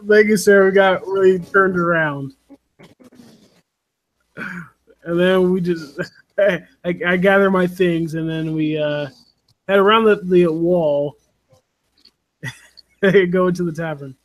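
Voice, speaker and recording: A man's voice: sits high, fairly even intonation, slow, long pauses. A man playing a tabletop game, easygoing and often laughing as he talks. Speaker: player. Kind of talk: casual tabletop play.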